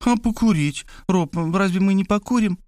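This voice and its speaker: A man's voice: sits high, normal speed, a little mellow, no room sound, clean studio sound, pitched above the performer's own voice, close to an everyday voice. A male reader voicing a capricious, cheeky young woman who talks in a whiny, sulky drawl.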